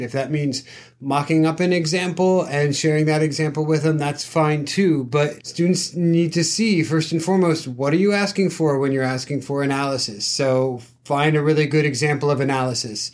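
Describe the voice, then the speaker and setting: Man, podcast co-host, slightly high voice, thoughtful casual chat. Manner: thoughtful, uses many fillers like "you know".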